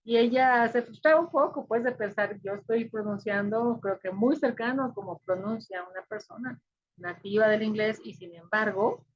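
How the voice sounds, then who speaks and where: A woman teaches a sociolinguistics class in a slightly husky voice. She explains step by step and keeps checking in with her listeners. The recording is dull and lo-fi. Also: on the high side, normal speed. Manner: explanatory, frequent check-ins with "¿no?" and "este".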